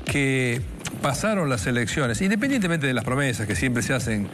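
A man's voice: medium pitch, lively intonation, moderate pace, fairly bright tone, faint music behind. An older man with an Argentine Córdoba accent, commenting conversationally as a news anchor. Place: TV studio.

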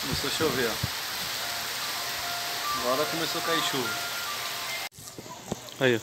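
A man's voice: medium pitch, a little slow. A man with a Brazilian Portuguese accent hosts a fishing vlog at an outdoor pond, chatting casually, teasing and giving pointers. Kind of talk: casual chat while fishing. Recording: noisy outdoor camera audio.

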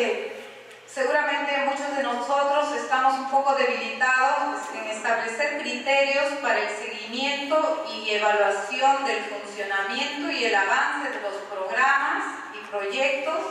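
A woman's voice: on the high side, sharp tone, a little hiss or hum. A woman with a Peruvian accent giving a technical talk at a conference, explaining points and posing rhetorical questions to the audience. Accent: Peruvian Spanish. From Peru. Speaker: conference speaker. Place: large conference hall. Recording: echoey hall from far off.

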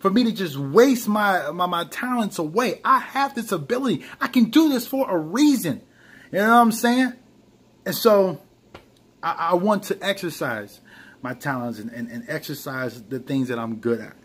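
This young adult vlogger, about thirty, has a voice that sits high and slightly rough, moving at normal speed. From a small room at home he delivers a casual motivational talk, earnest and animated, into a close webcam or phone. "Man" and "you know what I'm saying" come up constantly.

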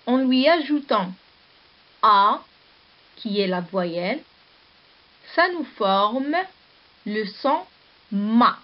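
A woman teacher giving a slow, deliberate lesson, spelling out letters and syllables one at a time. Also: on the high side, animated. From Morocco. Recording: dull lo-fi video recording.

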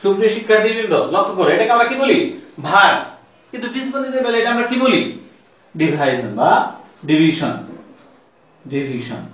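A man teaching math talks at a quick pace, his high voice animated and swinging widely in pitch. Asking questions only to answer them himself, he repeats each key term as he goes. The mic is far from him and the room echoes heavily.

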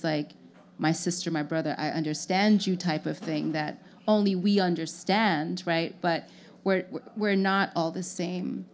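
A young Haitian woman, an artist on a panel, speaks earnestly and thoughtfully into a handheld mic in an indoor lounge with an audience. Her voice sits on the low side, and she often restarts her phrases during the panel discussion.

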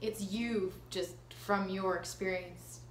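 An actress in her thirties with a Canadian accent is interviewed at home in her living room, chatting casually in a self-deprecating, hesitant way. Her mid-range voice is slow and steady. The room is echoey with ambient noise.

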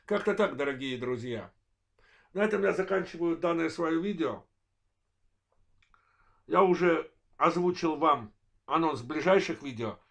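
A fairly high-pitched, animated voice belongs to a man in his forties from Azerbaijan who hosts his own channel. Speaking in measured, halting short phrases about politics, he sounds creaky and a bit bright, and he apologizes because his voice is worn.

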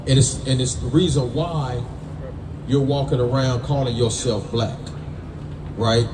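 This American street Bible teacher has a mid-range voice with fairly even intonation and a measured pace. He preaches emphatically and colloquially in call-and-response form, peppering in "right?" and "man," with crowd noise on a distant, roomy recording.

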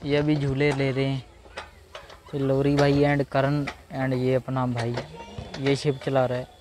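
A young Punjabi vlogger in his twenties talks casually and warmly to viewers outdoors in a school ground and park, filming on a handheld camera at arm's length. His delivery is completely flat and unhurried at a mid-range pitch, with background noise audible.

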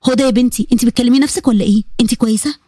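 A woman voicing a nosy, sharp-tongued middle-aged mother with an Egyptian Arabic accent. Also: a little high, rapid-fire, slightly rough, dry recording. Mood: prying. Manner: prying, sharp.

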